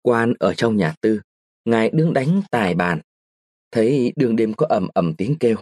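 A man reading a short story aloud as a narrator, in a lively storytelling manner with shifts of tone. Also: lowish voice, normal speed, no echo, clean studio sound. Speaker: audiobook narrator.

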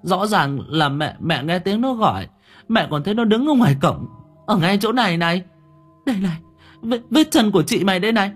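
A man's voice: a little high, sing-song, normal speed, voice pushed up. Man putting on a frail anxious old mother. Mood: flustered. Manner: pleading, calling out, stammering repeats. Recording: faint music underneath.

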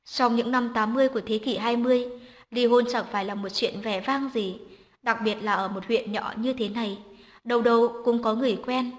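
A woman's voice: a little high, fairly bright tone, in a large hall. Woman reading a dramatic story. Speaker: narrator. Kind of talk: scripted story narration.

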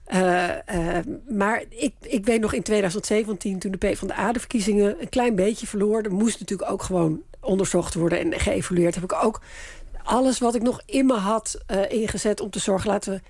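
A woman's voice: medium pitch, a little fast, darkish tone, dry recording. A woman who works as a communication adviser, explaining political strategy step by step on a radio panel. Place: radio studio.

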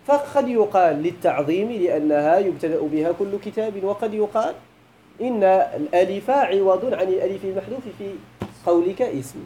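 A man's voice: sits high, brisk, warm tone, a little hiss or hum, rough recording. A middle-aged man with a Moroccan Arabic accent, teaching a grammar class and pressing students with questions. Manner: questioning students, switching to colloquial.

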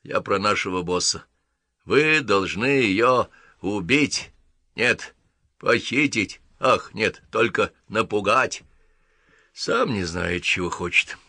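A man's voice: fairly low pitch, expressive, takes it slowly, pushed and bright, dry recording, clean studio sound, heavily acted. A man reading an audiobook, voicing a sly and pompous male villain who talks in a fussy, indignant way. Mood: grumbling.

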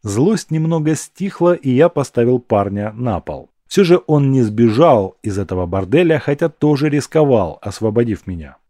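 A man reading a first-person fantasy audiobook in a steady, plain storytelling manner. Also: mid-range voice, normal speed, hardly any pauses, no echo, clean studio sound. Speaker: audiobook narrator.

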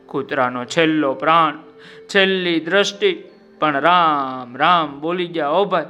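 A man telling a story to children, animated and speaking straight to his young listeners. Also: a little high, normal speed, smooth, lo-fi sound, faint music behind. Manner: animated, addresses listeners directly.

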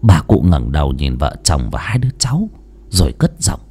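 A man narrating an audiobook story in an expressive storytelling manner. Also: extremely low pitch, moderate pace, gravelly, slightly rough, soft background music.

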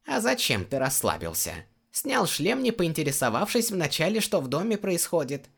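A man's voice: on the high side, wildly swooping pitch, moderate pace, vocal fry, a bit bright, husky, pitched above the performer's own voice, exaggerated voice. A male audiobook reader voicing a stern, teasing female shaman healer. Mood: scolding. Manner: scolding, teasing.

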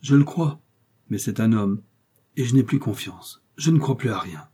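A man's voice: lowish voice, expressive, normal speed, warm tone, breathy edge. A man reading a bitter, elegant mysterious woman. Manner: weary, disillusioned.

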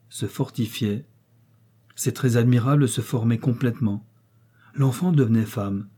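Brief: male narrator for a period novel, dark and slightly breathy, steady pace. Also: mid-range voice. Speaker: audiobook narrator.

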